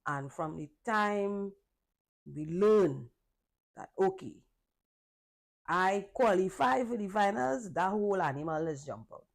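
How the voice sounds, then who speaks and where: A woman's voice: mid-range voice, slow pace, gravelly, pauses often. Trinidadian woman chatting in an easy drawl. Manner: relaxed, repeats phrases for emphasis. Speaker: calypsonian guest. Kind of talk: casual conversation.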